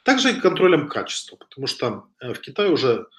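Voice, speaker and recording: With a mid-range, slightly bright voice that moves quickly and swings hugely in pitch, a man in his thirties delivers a webcam lecture over slides as an online business instructor. He's casual, hesitating and restarting often, and has a slight cough from a cold. He records in an echoey home room with wooden shelves.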